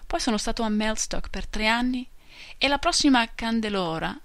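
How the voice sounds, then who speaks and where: A woman's voice: a little high, lively intonation, moderate pace, a bit bright, dry recording. Give me a woman playing a touchy very old maltster, emphatic about his age. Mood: boastful. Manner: emphatic, counting off the years.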